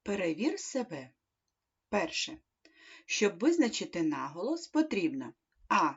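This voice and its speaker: A woman reading a primary school lesson aloud, slowly and clearly, as a teacher. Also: fairly low pitch, sing-song. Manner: slow, clear instructional reading. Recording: dull lo-fi recording.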